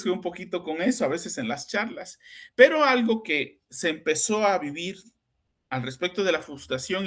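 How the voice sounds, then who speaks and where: A man's voice: high-pitched, a bit bright. Man, Mexican accent, middle-aged, chatty storyteller, keeps checking in with the listener. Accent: Mexican Spanish. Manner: chatty, anecdotal, frequent tag questions. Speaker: psychoanalyst podcast host. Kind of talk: conversational storytelling.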